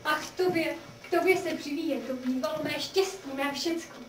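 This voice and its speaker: Actress doing a young condemned girl, high voice, pleading and shaking, old radio play verse, kinda far off in an echoey room. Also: a little hiss or hum, close to an everyday voice. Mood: grieving. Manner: pleading, trembling, stage-like verse delivery. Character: young condemned woman, grief-stricken, half-mad. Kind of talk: theatrical verse radio drama.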